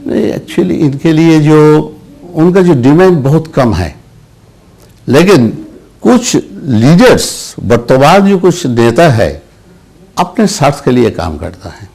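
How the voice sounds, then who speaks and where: An older man, a senior journalist, answering interview questions slowly, with pauses, restarts and repeated words. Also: a little high, very animated, vocal fry, a little mellow. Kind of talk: interview answers, recalled anecdotes.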